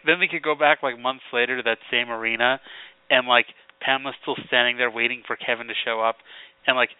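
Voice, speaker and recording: A man's voice: mid-range voice, fairly even intonation, fairly quick, clean tone, no room sound. A man co-hosting a wrestling podcast, chatting casually and rambling. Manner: rambling, heavy on "like" fillers. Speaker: podcast co-host. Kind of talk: casual chat. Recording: tinny phone-like dry sound.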